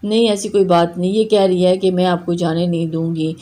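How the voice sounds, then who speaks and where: A woman's voice: lowish voice, little pitch movement, mellow. A woman with a Pakistani Urdu accent reading a romantic novel aloud and voicing every character herself with light shifts. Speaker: narrator.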